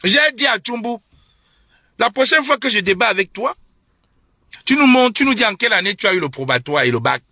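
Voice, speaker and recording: Indignant high-voiced man ranting. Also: lively intonation, fairly quick, long pauses, pushed and bright, no room sound, studio quality. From Cameroon. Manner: indignant, repetitive, mocking laughs. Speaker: online political commentator. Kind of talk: heated live-stream rant.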